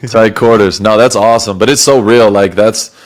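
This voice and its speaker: Young man, low voice, animated, laughs a lot, casual podcast talk. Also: normal speed, crowd noise. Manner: animated, laughs often, swears. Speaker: podcast host and football player. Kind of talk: casual chat.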